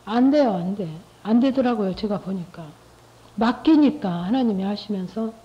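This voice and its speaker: A woman's voice: medium pitch, animated, moderate pace. A middle-aged woman giving a church testimony in a conversational, repetitive way, often asking her listeners rhetorical questions. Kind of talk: testimony talk to a church group. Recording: dull lo-fi recording.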